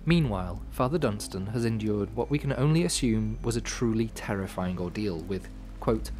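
A man hosting a podcast with scripted storytelling narration, in measured, dramatic phrasing with dry asides. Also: on the low side, darkish tone. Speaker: podcast host. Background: music.

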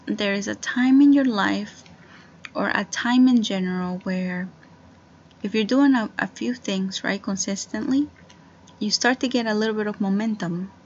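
A woman's voice: mid-range voice, lo-fi sound, slight background noise. A woman in her twenties rambling through a casual solo podcast, with lots of fillers and restarts. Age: 20s. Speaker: podcast host.

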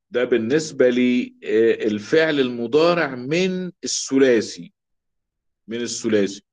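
A man with an Egyptian accent teaches a grammar lesson, drilling example words by saying them again and again. His voice sits at an ordinary middle pitch, and the recording sounds slightly dull and lo-fi. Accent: Egyptian Arabic. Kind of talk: classroom lesson.

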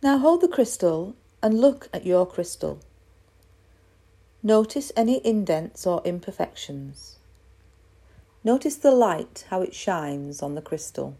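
A woman guiding a crystal meditation in a slow, soft, soothing way. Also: fairly low pitch, lively intonation, slightly rough. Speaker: meditation guide.

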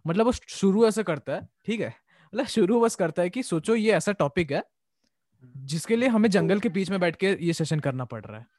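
A man's voice: high-pitched, lively intonation, moderate pace, darkish tone, dry recording. Young man, casual rambling chat. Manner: rambling, hedging with "okay?" tags. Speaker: podcast host.

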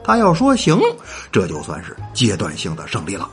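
A man's voice: low-pitched, wildly swooping pitch, normal speed, fairly bright tone, faint music behind. A man hosting a comic folk-tale show, chatty and playful, dropping rhythmic verse and asides to listeners. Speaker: storyteller host.

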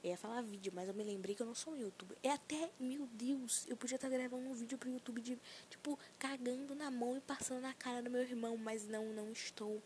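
A woman's voice: fairly high pitch, steady tone, fast, hardly any pauses, darkish tone, a little hiss or hum. A young woman of nineteen hosting a solo podcast, ranting in a self-mocking, profane and rambling way, anxious. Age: young adult. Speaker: podcast host.

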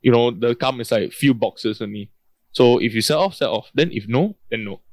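A man's voice: mid-range voice, animated, normal speed, a little mellow, no room sound. A man with a Malaysian English accent chatting casually in colloquial Singlish style, peppered with lah, man and bro. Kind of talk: casual chat.

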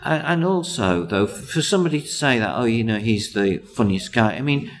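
A man, a comedian chatting as a guest, hesitant with many pauses and restarts. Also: medium pitch, lively intonation. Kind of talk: casual interview chat.

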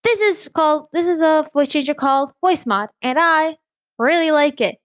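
High-voiced chatty woman vlogger. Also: normal speed. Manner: chatty, eager, rambling. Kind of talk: casual product demo.

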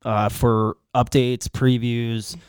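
A laid-back man who produces and co-hosts a casual podcast, laughing easily. His voice is smooth and clear at an average pitch, recorded with no room echo. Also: little pitch movement, slow, studio quality.

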